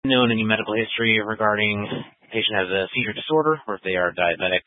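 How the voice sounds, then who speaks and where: A male emergency dispatcher talks quickly in clipped, formal radio phrasing, his voice set a little low. He comes through a tinny, narrow two-way radio channel with a dry, close sound. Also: no room sound. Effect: heard over a two-way radio. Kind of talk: terse radio dispatch calls.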